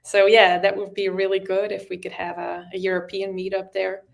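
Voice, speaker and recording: A woman's voice: medium pitch, monotone, normal speed, vocal fry. A woman who is not a native English speaker, chatting casually and hesitantly as she searches for words. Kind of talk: casual chat.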